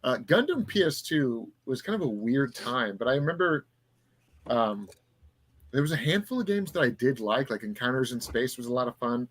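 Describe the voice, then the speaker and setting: A man in his thirties with a mid-range voice leads a relaxed live podcast panel. He talks in a chatty, joking way as he reads out the listeners' questions. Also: mid-range voice, moderate pace, husky. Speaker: podcast host reading audience questions. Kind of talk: casual panel chat.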